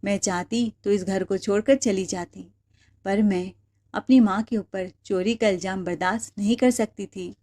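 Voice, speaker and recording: A woman's voice: mid-range voice, fairly even intonation, moderate pace, mellow, lightly acted. Wronged young wife, earnest and firm, read by a woman narrator. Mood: defiant.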